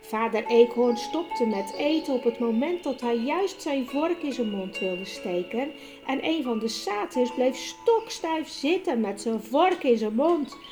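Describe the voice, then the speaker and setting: A woman narrating a children's audiobook, reading unhurriedly and with care. Her voice sits a little high, and music plays clearly underneath. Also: lively intonation, measured pace. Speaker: storyteller. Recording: music bed behind the reading.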